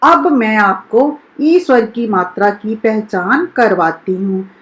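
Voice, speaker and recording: Slow, deliberate woman teaching children. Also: medium pitch, poor audio. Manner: slow, deliberate, sounds out each syllable for children. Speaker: school teacher. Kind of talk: recorded primary-school Hindi lesson.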